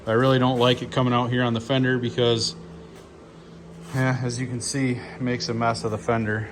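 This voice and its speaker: A car builder hosts a fabrication video, walking through the work hands-on in a casual, plainspoken way and thinking aloud. His voice is medium-pitched and level, a little fast. The handheld shop footage is noisy with ambient sound.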